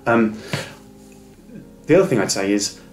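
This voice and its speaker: A middle-aged man with a lowish, animated voice speaks at a measured pace as an interview guest, offering earnest, encouraging advice in a reflective conversation. He stammers, repeating words and restarting sentences. The room is echoey, with faint music in the background.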